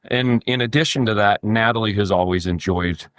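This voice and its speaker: A man in his forties speaks as a podcast guest, measured and deliberate in his phrasing. His voice is very deep, and it sounds close and dry. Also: a bit bright, dry recording. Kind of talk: casual interview.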